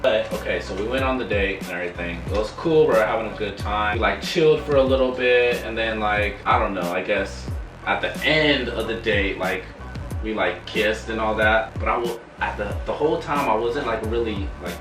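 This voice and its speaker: A man's voice: on the low side, normal speed, recorded from a distance. A young man vlogger casually telling stories about his life, with a laid-back manner and many "like" fillers. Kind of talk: casual storytelling. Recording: roomy sound from off the mic, music behind.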